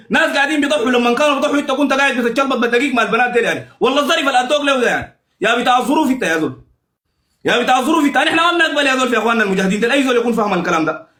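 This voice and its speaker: Furious rapid-fire Sudanese man ranting. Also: very high voice, pushed and bright, reverberant. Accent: Sudanese Arabic. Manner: heated, repetitive, insulting. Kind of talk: angry livestream rant.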